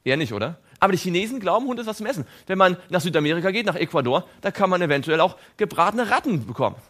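A man delivers a sermon in an animated way, often asking his listeners questions. His voice sits a little high and swings widely in pitch. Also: racing. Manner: animated, asks audience questions. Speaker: preacher.

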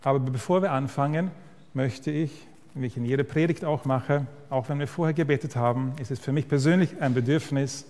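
In a reverberant church hall, a man in his fifties from Sweden speaks with an Austrian-Swedish accent. His voice is medium-pitched, brisk and darkish in tone. As a pastor, he gives a friendly lecture aimed right at the audience, hesitating now and then.

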